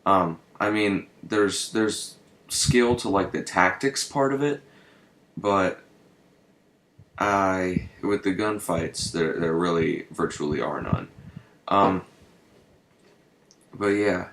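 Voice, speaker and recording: A man's voice: low voice, slow pace, long pauses. A young man rambling through gameplay commentary, hesitant and full of ums and swearing, shivering from the cold in his room. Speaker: gaming channel host. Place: bedroom with a fan running. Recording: echoey room with loud noise.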